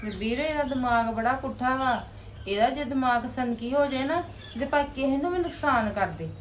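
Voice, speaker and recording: Brief: actress as a blunt complaining sister-in-law, high voice, faint noise under it. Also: female voice, animated, normal speed. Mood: worried. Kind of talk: Punjabi web drama acting.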